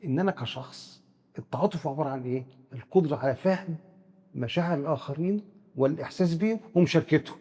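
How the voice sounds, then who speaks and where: Talking fast in an explanatory discussion, this Egyptian psychiatrist guest illustrates psychology with first-person examples, stumbling into frequent stammered restarts. His Egyptian Arabic–accented voice is slightly high but dark and husky, trailed by long room reverb.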